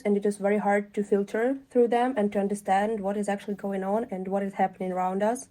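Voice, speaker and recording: Mellow young Ukrainian-accented woman. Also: mid-range voice, rough recording. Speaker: interviewee sharing a personal war story. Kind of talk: reflective personal account.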